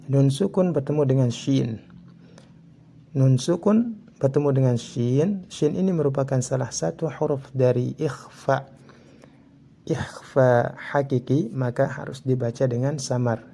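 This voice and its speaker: Man, Indonesian accent, tajwid teacher, slow, mellow, gravelly, long recited examples. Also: mid-range voice. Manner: explains rules slowly, then recites examples drawn out.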